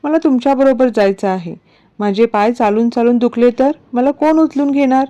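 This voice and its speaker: A woman's voice: fairly high pitch, normal speed, dark tone, natural voice. A woman voicing a playful young wife who coaxes and sulks in a narrated story. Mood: coaxing. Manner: coaxing, pouty. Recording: dull lo-fi recording.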